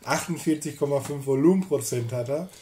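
A man in his thirties with a mellow, mid-range voice co-hosts a casual whisky tasting at home, briskly and chattily reading out label details. He sits in an armchair in a room lined with whisky shelves, and a little hiss or hum is audible.

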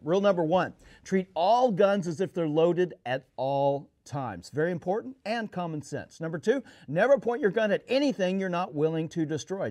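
A man's voice: sits high, a little mellow, no echo, clean studio sound. A middle-aged man presenting a product review to camera as a show host, in an emphatic, instructional manner, addressing viewers directly. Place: small studio set, indoors at a table.

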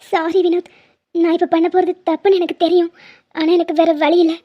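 A woman's voice: extremely high pitch, flat delivery, brisk, lo-fi sound. A woman voicing a young woman obsessed with love in a cartoon, pleading and insistent.

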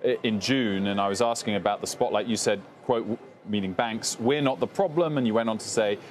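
A man's voice: on the low side, brisk, a little hiss or hum. A man anchoring a business news interview, asking long, conversational questions on a lapel mic in a TV studio. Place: TV studio on a trading floor.

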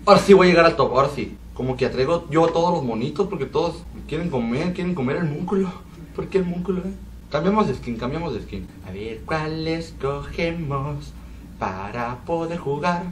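A man's voice: on the high side, animated, moderate pace, darkish tone. A young man with a Mexican accent giving rambling, joking commentary while playing a video game and exclaiming at it. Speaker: gaming video creator. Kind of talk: casual gameplay commentary. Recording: distant mic with faint background noise.

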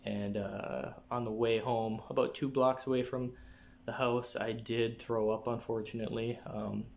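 A young man gives a casual personal update to camera in a mid-pitched voice, with throat clearing between thoughts. He is recorded indoors at arm's length, with faint noise behind him. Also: little pitch movement, a little slow, a little mellow, highs cut off. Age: young adult. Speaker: vlogger giving a personal health update. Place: small living room, indoors. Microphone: phone or camera at arm's length.

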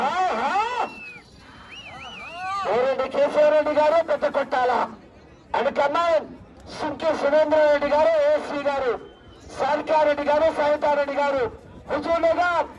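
At a rural outdoor race ground, a male announcer delivers loud, excited live commentary, chanting repeated cries, shouting cheers and calling out names. His voice is extremely high and steady in tone, at a moderate pace with frequent pauses. The audio is dull and distant, swamped by loud crowd, traffic and vehicle noise.

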